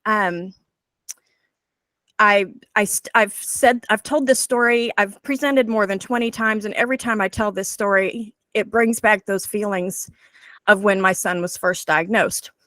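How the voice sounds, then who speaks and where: A woman's voice: mid-range voice, fairly even intonation, a little slow, fairly bright tone, no room sound. A woman in her forties, a guest presenter telling her personal story in an earnest, heartfelt way over a video call.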